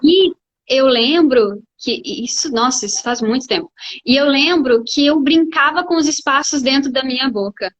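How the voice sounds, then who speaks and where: A Brazilian woman with a very high voice recounts her early practice in a lively, chatty way. The sound is dull, like a lo-fi recording. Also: normal speed, slight background noise. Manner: lively, anecdotal storytelling. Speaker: voice actress. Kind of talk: casual chat.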